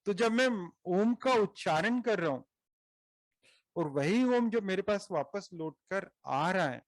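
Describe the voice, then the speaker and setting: At a study circle meeting, a man with an Indian accent gives an earnest explanatory talk, moving slowly through his points and posing questions he then answers himself. His voice is high and expressive, with no echo.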